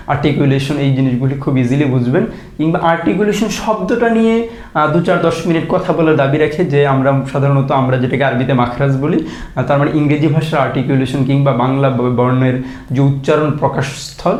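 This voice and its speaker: A man with a high voice teaches an English vocabulary lesson. He asks questions aloud, repeats phrases, and stretches words slowly to show pronunciation. His voice rings in a roomy, echoey space. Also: darkish tone. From Bangladesh. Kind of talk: explanatory lesson.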